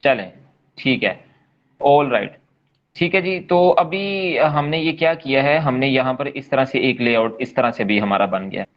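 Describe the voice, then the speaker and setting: A man's voice: medium pitch, animated, a little slow. Man, coding instructor, live online class, patient step-by-step explaining, muffled call audio. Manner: patient, repetitive, checks in often.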